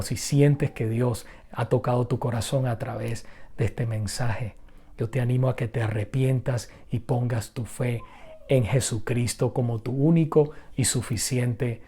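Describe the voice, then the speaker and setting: A middle-aged male pastor delivers a sermon with a mellow, warm tone and a mid-range pitch. He recounts a story earnestly, then presses his listeners with emphatic exhortation. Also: fairly even intonation, a little slow, slightly rough.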